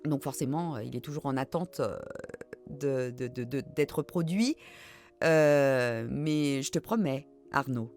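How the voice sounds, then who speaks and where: Very deep and darkish in tone, a middle-aged woman's voice moves at a measured pace over soft background music. She hosts a reading channel and answers viewer questions in a casual chat, self-deprecating and heavy on hesitant fillers.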